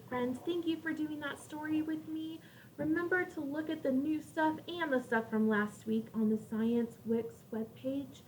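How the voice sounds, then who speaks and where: Faint background noise and a distant microphone frame this clip of a woman teacher reading aloud to young children. Her high-pitched voice has a darkish tone as she explains things simply and asks them questions.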